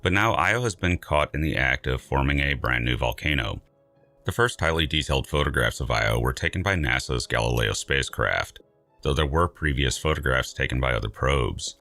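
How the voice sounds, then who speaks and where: A man reading scripted science narration in a measured, emphatic, dryly wry way. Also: a bass voice, animated, sharp tone, soft background music.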